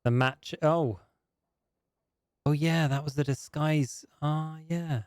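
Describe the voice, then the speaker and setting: A man speaking in character in a roleplay game, calm, firm and matter-of-fact. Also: on the high side, takes it slowly, dry recording, studio quality. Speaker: roleplay gamer.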